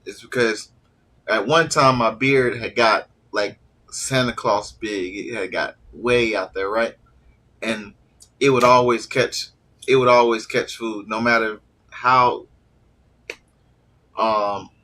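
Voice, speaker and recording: On a live stream, a man with an allergy-stuffed nose rambles casually while eating, his mid-range voice pushed and bright. He's laid-back, letting sentences trail off into fillers.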